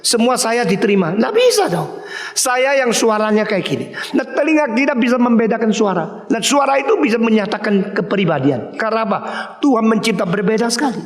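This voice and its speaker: A man's voice: high voice, big pitch swings, fairly quick. A man preaching a sermon as pastor, telling stories animatedly and acting out the voices of the people in them. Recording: reverberant hall.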